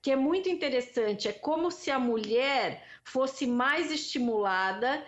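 A woman's voice: high voice, expressive, unhurried. A woman guest, a speech therapist, explaining things in a teaching manner. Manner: explaining, didactic. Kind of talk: explanatory conversation. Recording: dull, muffled sound.

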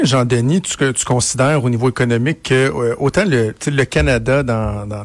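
A man's voice: medium pitch, no echo. A man with a Québécois French accent hosting a radio interview, asking long, meandering questions in a conversational way. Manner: conversational, many fillers and restarts. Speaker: radio host.

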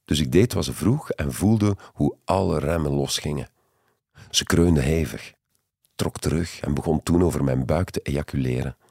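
A man giving a scripted first-person narration in an intimate, measured way. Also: rumbling low, gravelly, a little mellow, slightly rough, no room sound, studio quality.

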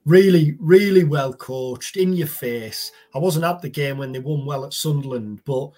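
A man's voice: a little high, moderate pace, warm tone. A man giving casual football analysis as a podcast pundit, repeating words hesitantly as he thinks.

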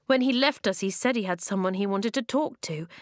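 A woman's voice: mid-range voice, a little fast, dry recording, studio quality, natural voice. A woman voicing an earnest, loyal young boy in a storybook reading, speaking eagerly.

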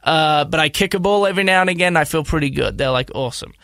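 A man in his thirties with an Australian accent, co-hosting a podcast and telling a story in a rambling, animated way with lots of fillers and restarts. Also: fairly high pitch, fast talker, dry recording. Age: 30s. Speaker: podcast co-host. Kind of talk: casual storytelling chat.

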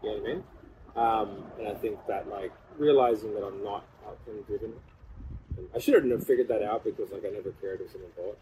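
A man's voice: lowish voice, quick pace, dark tone. A man in a casual podcast chat, talking in a rambling, informal way. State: cold, in an ice bath. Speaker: podcast speaker. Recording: clearly noisy background hum.

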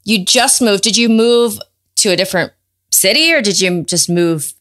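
A middle-aged woman hosting a podcast in loose, excitable casual chat, quick to laugh. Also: medium pitch. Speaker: podcast host.

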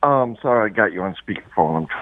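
A man's voice: lowish voice, animated, fast talker, no room sound. A man calling in to a radio talk show on a speakerphone, talking hesitantly with frequent ums. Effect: speakerphone call over a phone line. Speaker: caller. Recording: tinny phone line.

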